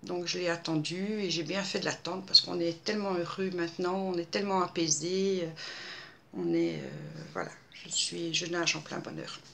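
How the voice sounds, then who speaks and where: Bright-voiced woman in her fifties. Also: lowish voice, normal speed, creaky, a little hiss or hum. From Belgium. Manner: hesitant, many fillers and restarts. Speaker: scrapbooking vlogger answering viewer questions. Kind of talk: casual Q&A monologue.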